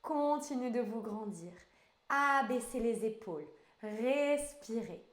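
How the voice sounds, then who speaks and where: A woman's voice: on the high side, animated, takes it slowly. A woman instructor leading an online pilates class in French, counting out reps and giving short commands. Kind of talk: guided fitness class instruction. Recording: echoey room, voice from afar.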